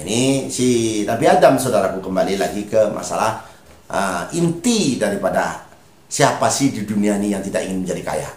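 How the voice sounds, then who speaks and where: A man preaching religious advice in a lively, emphatic way, often calling his listeners brothers. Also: lowish voice, echoey room. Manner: preachy, repeatedly addressing listeners as brothers, rising emphatic calls. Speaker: spiritual advisor on Javanese birth days.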